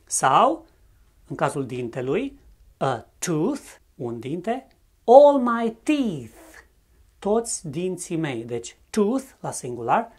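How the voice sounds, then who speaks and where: This is a methodical language teacher from Romania, narrating a scripted grammar lesson. The delivery is clear and patient, with each English example repeated slowly and then translated. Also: medium pitch, very animated.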